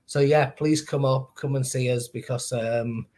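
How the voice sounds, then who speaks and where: A middle-aged man from Northern England, with the accent to match, appears as a podcast guest chatting casually about his career as a brewer and distiller. His medium-pitched voice is steady, unhurried and darkish in tone. He's chatty and self-deprecating, laughing easily.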